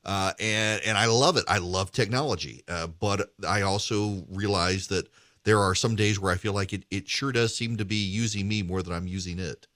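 A man in his forties who grew up in Dubai, hosting an interview in a conversational, reflective, slightly halting way. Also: lowish voice, fairly bright tone, no room sound, clean studio sound. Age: 40s. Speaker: host, interviewer. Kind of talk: interview questions.

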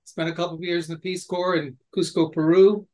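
A man's voice: a little high, little pitch movement, brisk, a little mellow. A man in his eighties introducing himself on a group call in a wry, joking way. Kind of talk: casual self-introduction.

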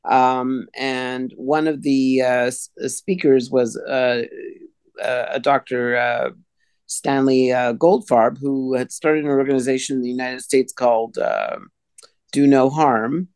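A man answering casually as an interview guest, halting often and repeating words as he goes. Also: mid-range voice, fairly even intonation, darkish tone, clear, resonant tone, dry recording. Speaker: podcast guest, endocrinologist.

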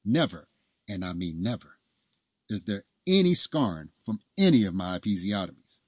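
A man's voice: on the low side, big pitch swings, normal speed, husky, no room sound. A man voicing a boastful, flamboyant middle-aged male doctor with a cocky, showy manner.

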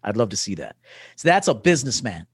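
A man in his early forties, a men's coach appearing as a podcast guest, talks casually and emphatically in a conversational interview. His lowish, slightly rough voice is very animated and moves at a quick pace. The recording is dry.

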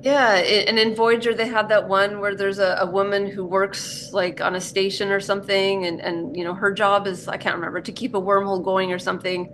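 Woman, co-host, mid-pitch voice, chatty and loose, faint hiss. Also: flat delivery, brisk, hardly any pauses. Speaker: podcast co-host. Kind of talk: casual chat.

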